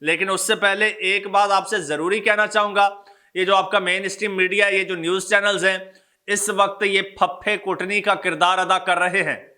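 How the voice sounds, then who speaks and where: A Pakistani-accented host delivers political news commentary emphatically, stressing points through repeated phrases. His voice is high-pitched, pushed and bright, with little pitch movement and a normal speaking speed.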